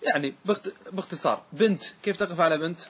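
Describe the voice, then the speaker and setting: Male grammar teacher, slightly high, husky voice, recites verse and answers his own questions. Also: fairly bright tone. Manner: asks the class questions and answers them himself, recites verse slowly. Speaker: sheikh teaching Arabic grammar. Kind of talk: classroom lesson on a grammar poem.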